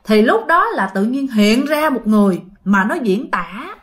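A woman with a Southern Vietnamese accent tells a ghost story as if chatting with friends. Her voice sits a little high, and she keeps turning to address her listeners. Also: sing-song, unhurried. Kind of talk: casual ghost story telling.

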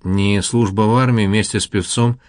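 A man narrates an audiobook in a low voice, telling the story at a measured pace. The sound is dry and close, with no room around it. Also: fairly even intonation, no room sound.

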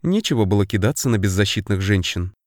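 A shrewd, bossy female dwarf schemer, played by a male narrator in a storybook reading, speaking in a raised, animated voice. She talks in a brisk, matter-of-fact way, and the recording is close and dry. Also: fairly low pitch, no echo, close to an everyday voice. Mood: dismissive.

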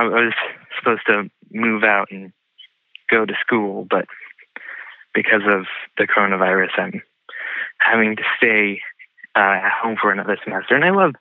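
Young man, caller, tinny phone line, low voice, hesitant. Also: no echo. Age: 20s. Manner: shy, hesitant. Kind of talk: phone call.

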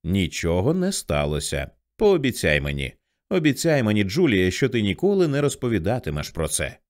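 A man voicing a frantic older teenage girl who shouts at and then pleads with her younger sister. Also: lowish voice, wildly swooping pitch, moderate pace. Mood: pleading.

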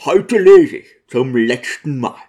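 A man voicing a grieving, devout deacon who pleads in a hushed, trembling voice at a coffin. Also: medium pitch, lively intonation, slow. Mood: solemn.

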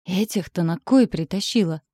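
A woman voicing a fretful young husband in labor, with shrill, anxious outbursts. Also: normal speed, mellow, slightly rough, dry recording, studio quality. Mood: groaning.

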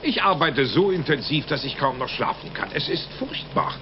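An actor playing a proud older private detective, formal, courteous and dismissive, in a mystery drama. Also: male voice, fairly high pitch, expressive, normal speed. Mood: brusque, polite. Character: Poirot, proud older male private detective, brooding over memoirs. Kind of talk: dubbed mystery drama acting. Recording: dull band-limited audio with clear noise.

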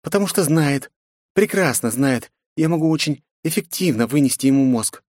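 A man's voice: fairly high pitch, lively intonation, moderate pace, darkish tone, no echo, voice pushed up, natural voice. A man voicing a defiant, sarcastic eighteen-year-old princess in an audiobook, with cheeky, mocking retorts. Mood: teasing.

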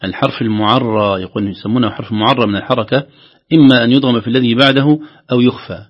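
A man teaching Quran recitation rules, drawing out each quoted verse slowly between quick explanations. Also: mid-range voice, fairly even intonation, lo-fi sound.

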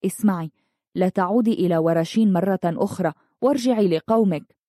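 A woman reading the lines of a secretive palace maidservant who talks in a hushed, urgent way. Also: lowish voice, a little fast, no echo, studio quality, lightly acted.

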